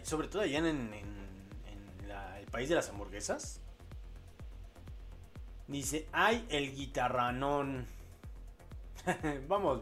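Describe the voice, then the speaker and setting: A young man with a Mexican accent hosting a late-night podcast, rambling through a casual story with lots of jokes. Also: medium pitch. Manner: rambling, lots of fillers and restarts, joking. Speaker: podcast host.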